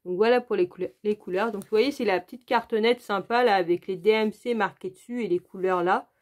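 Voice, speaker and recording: A woman's voice: medium pitch, a little fast, darkish tone. A woman hosting her crafting channel, walking viewers through an unboxing in a casual, chatty way, full of "donc, euh" fillers and direct asides to the viewer.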